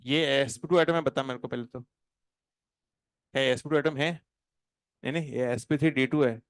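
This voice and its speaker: In front of a class of students, a male chemistry teacher lectures with playful energy, though he drops to a very slow pace when dictating notes. His smooth, clear, medium-pitched voice is recorded close and dry, with little room sound.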